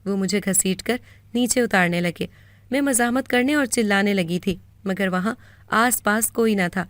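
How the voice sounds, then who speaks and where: Speaking in a steady, earnest way, a medium-pitched woman with a Pakistani Urdu accent narrates a first-person tale carrying a moral. The recording is dry.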